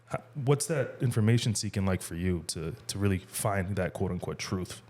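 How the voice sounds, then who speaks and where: Man, very low voice, podcast host, rambling questions, lots of ums. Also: animated, moderate pace, darkish tone. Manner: rambling, many fillers and restarts. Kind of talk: casual interview conversation.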